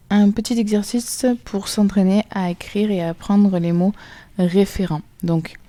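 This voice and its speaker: Woman, French accent, teacher, slow and deliberate, mellow tone, dry close sound. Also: lowish voice, no room sound. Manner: slow, clear, spelling sounds out letter by letter. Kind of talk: recorded phonics lesson for children.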